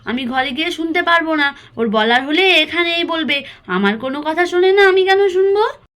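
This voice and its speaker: A woman's voice: extremely high pitch, animated, normal speed, fairly bright tone, a little hiss or hum. A woman voicing a hurt, resentful young wife. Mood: aggrieved. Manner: aggrieved, complaining.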